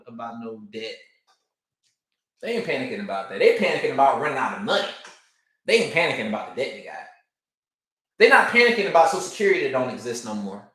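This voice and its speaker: A man with a high, bright, forceful voice hammers home his points about credit, repeating himself for emphasis. His voice rings in an echoey room. He slips into other people's voices to make his case. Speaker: credit coach. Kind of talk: motivational talk to camera.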